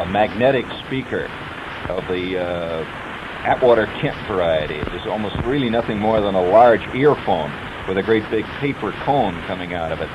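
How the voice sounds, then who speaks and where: Deep man through a gritty early carbon mic. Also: lo-fi sound. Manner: rambling, many fillers and restarts. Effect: old carbon broadcast microphone, gritty and hissy. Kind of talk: casual explanatory talk. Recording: hissy carbon-mic radio sound.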